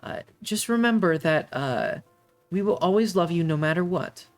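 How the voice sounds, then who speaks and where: A game master voicing a worried, fretful mother in a tabletop game, raising the voice into a higher, anxious register. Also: lively intonation, moderate pace, faint music behind, lightly acted. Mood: strained. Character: worried stern mother fretting over her daughter.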